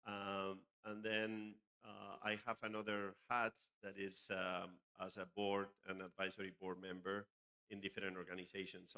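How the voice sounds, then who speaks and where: A male panelist gives his introduction in a measured, hesitant way. His voice is very low and flat. It has a bright edge. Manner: measured, with frequent uhs.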